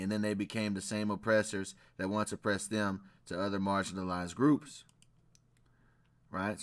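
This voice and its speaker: A channel host reacting to a video reads old records and scripture, keeping his commentary casual while emphatically repeating key phrases and asking "right?" frequently. He has a lowish, pushed, bright voice, and the recording is dry.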